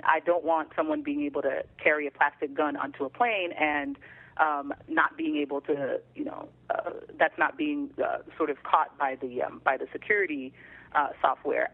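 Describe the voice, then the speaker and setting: A man calling in over a thin, tinny phone line, his voice pitched a little high. He talks casually and hesitantly, filling pauses with plenty of ums and uhs. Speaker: guest commentator. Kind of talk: casual opinion discussion.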